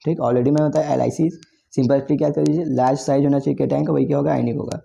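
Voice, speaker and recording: Fast gravelly chemistry tutor. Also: male voice, mid-range voice, steady tone, warm tone. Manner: repetitive, self-correcting explanation with frequent 'theek' and 'okay'. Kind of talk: exam-prep lecture.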